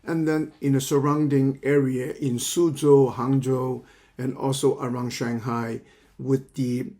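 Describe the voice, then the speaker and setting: In a medium-pitched, warm but flat voice, an older man from China opens a lecture. He teaches counseling psychology, is in his 70s, and speaks Cantonese natively; his delivery halts as he repeats words hunting for phrasing.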